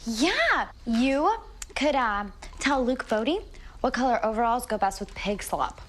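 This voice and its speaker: A woman's voice: a little high, animated, measured pace, noisy background. A young woman playing a sensible, wry teenage best friend in a television family comedy, matter-of-fact and dryly teasing. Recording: music clearly behind.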